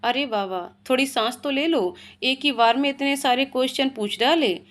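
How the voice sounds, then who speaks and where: A playful young woman in a spoken storybook, teasing and affectionate. The voice is high and bright in pitch, as a woman narrator puts her on. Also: normal speed, close to an everyday voice.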